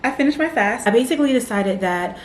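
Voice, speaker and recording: A woman's voice: a little high, expressive, fast, reverberant, slight background noise. A young woman in her twenties chatting casually to camera for her vlog, leaning on lots of "like" fillers. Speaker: vlogger. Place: home.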